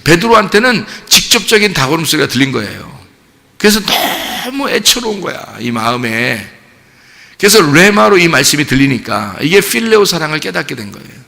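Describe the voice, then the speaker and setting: A male pastor preaching a sermon in a lively, animated way, acting out the voices of the people he quotes and laughing often. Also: medium pitch, vocal fry, big-room sound.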